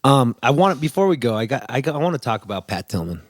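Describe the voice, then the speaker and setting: A man hosting a podcast, enthusiastic and profane, cheering his guest on and firing off quick questions. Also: medium pitch, big pitch swings, no room sound, clean studio sound. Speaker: podcast host. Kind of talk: casual podcast conversation.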